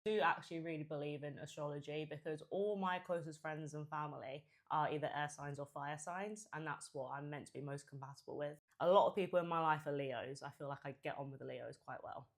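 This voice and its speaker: A woman's voice: low voice, fairly quick, hardly any pauses. A woman, chatting casually to followers while eating, chewing as she talks. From Hampshire, England and Japan. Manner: chewing and eating while talking, mouth sometimes full; chatty, informal. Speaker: food content creator. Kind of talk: casual mukbang chat to followers.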